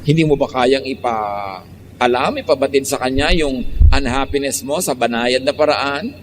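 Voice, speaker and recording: A man with a Filipino accent, a pastor preaching a sermon, shifting between slow, calm teaching and lively mock quotes. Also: medium pitch. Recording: long hall reverb, faint traffic noise.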